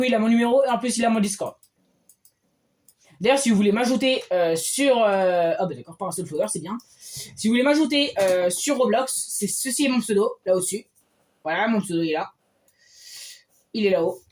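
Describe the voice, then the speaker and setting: A man giving casual gameplay commentary as a streamer, excitable and often bursting into loud cheers. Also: high-pitched. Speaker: game streamer.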